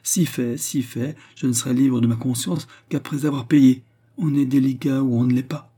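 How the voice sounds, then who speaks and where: A man's voice: mid-range voice, steady tone, normal speed, dark tone, breathy edge, pitched above the performer's own voice, lightly acted. A man voicing Beausire, a flustered host who protests and grows angry with his unwelcome guests, in a storybook reading. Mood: earnest. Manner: protesting, rising to anger.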